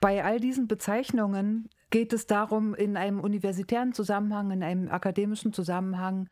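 A middle-aged woman professor from Berlin explains her field in a measured, careful way. Her voice sits at an ordinary middle pitch. The recording is dry and close, with no room sound. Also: steady tone, darkish tone, no room sound. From East Berlin, Germany. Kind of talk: academic interview.

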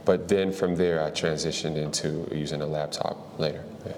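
A man from the Washington, D.C. area, a hip-hop artist answering interview questions in a relaxed way, thinking aloud with fillers. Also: very deep voice, moderate pace, crowd noise. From Washington, D.C. area, USA. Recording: long reverb, faint noise.

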